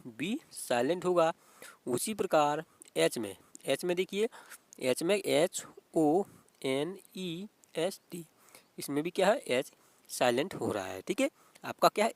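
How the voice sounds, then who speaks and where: A man's voice: high-pitched, dry recording. Man teaching exam reasoning, dry sound. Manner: repetitive, keeps asking "what is it" and saying "okay". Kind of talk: explaining reasoning questions.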